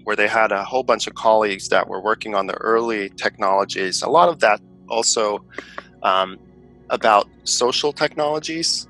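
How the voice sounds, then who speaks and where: A man's voice: lowish voice, sharp tone, rough recording. A middle-aged man from Finland, answering interview questions in a thoughtful way, with many fillers and restarts. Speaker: venture investor guest.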